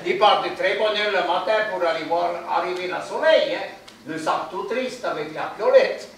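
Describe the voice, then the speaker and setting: A man's voice: high-pitched, moderate pace, slight background noise. A man telling jokes on stage, chatty, sprinkling his lines with "hein". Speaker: joke teller. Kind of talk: live stand-up storytelling. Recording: echoey hall, voice from far off.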